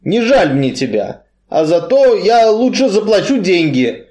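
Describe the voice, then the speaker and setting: A man voicing a big, heavy, gloomy strongman who talks bluntly in a muffled, slow way. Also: high voice, sing-song, a little mellow, voice pushed up. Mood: grim.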